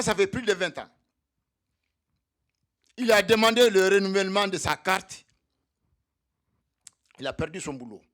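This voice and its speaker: High-voiced man rallying comrades. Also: a bit bright. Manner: militant, repetitive rallying address to comrades. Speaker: activist speaker for undocumented migrants. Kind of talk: speech at a solidarity evening. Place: meeting hall.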